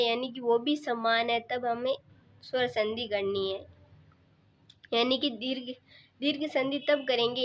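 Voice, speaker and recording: Woman teacher, slightly high voice, patient and repetitive exam-prep explainer, muffled lo-fi recording. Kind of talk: exam-prep grammar lesson. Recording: muffled low-fidelity recording.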